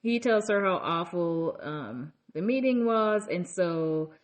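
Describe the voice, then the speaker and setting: Taking her time, an animated woman goes over a reality TV episode in casual, conversational commentary. Asides and fillers pop up often, and she raises her voice to perform the lines she quotes.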